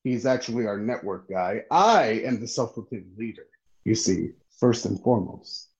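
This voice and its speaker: A man's voice: on the low side, animated, normal speed, darkish tone, dull audio. A man on a podcast as a guest, chatting in a friendly way with many ums and restarts. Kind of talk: casual podcast chat.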